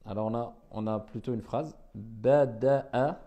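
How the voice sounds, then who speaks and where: Brief: male teacher drilling pupils in a classroom, unhurried and patient, mid-pitched voice. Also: dark tone. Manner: patient, repeats words and corrects pupils. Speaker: Arabic reading teacher. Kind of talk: classroom reading lesson.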